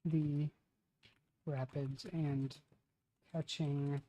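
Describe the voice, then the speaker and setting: The recording is rough, and the man's fairly high, mellow voice is flat and extremely slow. In his late twenties, he's casually livestreaming while writing a tabletop campaign, muttering lines as he types, then chatting with friends and swearing freely.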